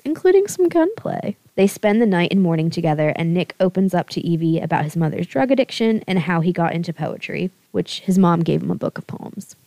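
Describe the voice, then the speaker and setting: A woman with a lowish voice recaps a novel for her podcast audience. She moves briskly through the plot in a casual, amused way. The sound is dry and close, with no room around her. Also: creaky, dark tone, no echo. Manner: brisk plot summary with laughs. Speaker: podcast co-host. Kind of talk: book recap, casual chat.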